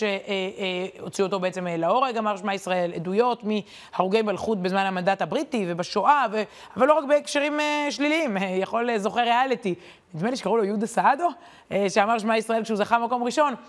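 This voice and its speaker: Animated woman teaching a Torah lesson. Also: mid-range voice. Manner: conversational, many hesitation fillers.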